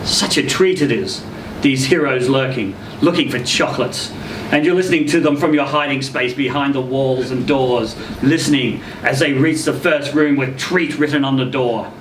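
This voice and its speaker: This man is a reader at a live event in an indoor social venue, giving a short story a dramatic, expressive reading and acting out the dialogue. His pitch is mid-range and his pace is ordinary. Captured from a distance, the audio sounds roomy and carries a noisy hum.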